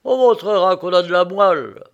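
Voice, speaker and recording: A coarse, blunt condemned prisoner, as a male reader puts him on in a storybook reading. His voice rises higher and louder than the narration, with rough working-class speech. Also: unhurried, dull audio, lightly acted. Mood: gruff.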